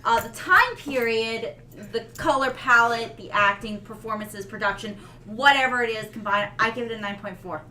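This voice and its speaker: A woman speaking haltingly in a casual group movie rating, laying out her points. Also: fairly high pitch, distant mic. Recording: loud background noise with clicks.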